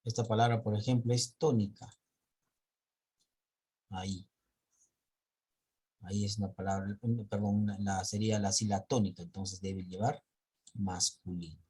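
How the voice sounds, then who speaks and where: A man's voice: on the low side, steady tone, moderate pace, long pauses, warm tone, breathy edge. A man teaching a grammar lesson in an online class, explaining step by step and checking in with his students.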